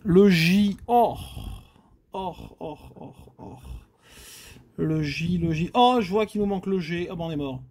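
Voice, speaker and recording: A man's voice: high-pitched, moderate pace. Man reacting animatedly to scratch cards. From France. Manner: animated, exclaims and groans at each letter. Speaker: scratch-card vlogger. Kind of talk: casual commentary while scratching tickets.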